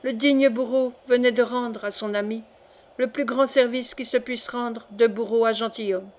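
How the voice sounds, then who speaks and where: Lady reading an old novel aloud, expressive, kinda high voice. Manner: measured, expressive storytelling. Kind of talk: audiobook narration of a classic novel.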